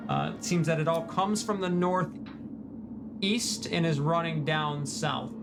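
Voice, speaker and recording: A man narrates a tabletop adventure as game master, his voice sitting a little high. He describes the scene in halting bursts with plenty of restarts. Music plays clearly behind him. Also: big pitch swings. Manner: descriptive, with frequent restarts and fillers.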